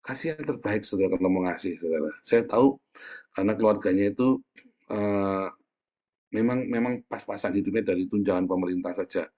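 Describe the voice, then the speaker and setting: Lively preacher, lower voice. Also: male voice, fairly quick, highs cut off. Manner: lively storytelling, laughs, swings from hushed to loud. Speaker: pastor. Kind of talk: sermon.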